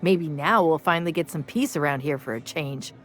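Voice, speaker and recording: A woman's voice: sits low, a little fast, slight background noise, lightly acted. An actress playing a stern, no-nonsense female bar owner in a game, firm and dry. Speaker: game character.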